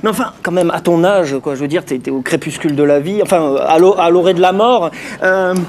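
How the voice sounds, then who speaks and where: A woman's voice: fairly low pitch, brisk, darkish tone, a little hiss or hum, natural voice. A woman playing an envious schemer in a comic serial, stammering with false politeness as she cajoles. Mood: wheedling. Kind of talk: comic audio serial acting.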